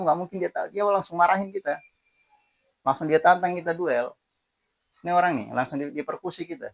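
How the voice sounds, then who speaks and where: A man preaching a religious sermon, emphatic and repetitive, mixing colloquial slang with recited verses. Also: mid-range voice. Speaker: Islamic preacher.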